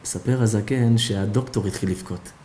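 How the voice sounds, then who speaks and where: A man's voice: mellow, slight background noise. Dramatic male rabbi storyteller. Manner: dramatic storyteller, sudden pitch leaps. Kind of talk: Torah lesson sermon.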